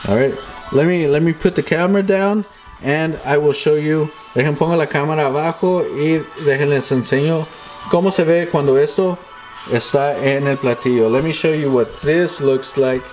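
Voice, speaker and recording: Slow-talking bilingual man. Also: on the high side, darkish tone. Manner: repeats each phrase in English and Spanish. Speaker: home cooking vlogger. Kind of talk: casual bilingual cooking narration. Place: home kitchen, indoors. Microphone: camera mic, off screen behind the camera. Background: music.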